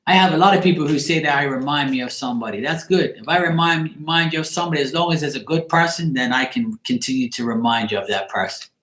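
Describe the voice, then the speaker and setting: The voice is on the high side, fairly bright, and quick, with hardly any pauses, as a Bermudian tarot reader chats casually on a livestream. He jokes bluntly and informally with viewers, recorded in an echoey living room with faint noise and clicks.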